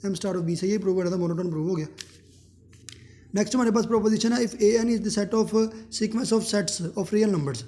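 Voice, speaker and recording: A man's voice: sits high, moderate pace, dark tone. A man giving a math lecture, who poses questions to the class and answers them himself.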